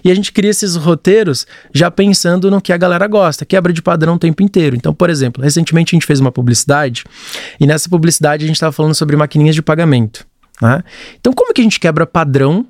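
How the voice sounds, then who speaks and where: A young man from Brazil, a podcast guest, talking in a lively, chatty way. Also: on the high side, fast, dry recording, clean studio sound. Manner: animated, chatty, laughs often, acts out quotes. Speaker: podcast guest, content creator. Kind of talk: casual chat.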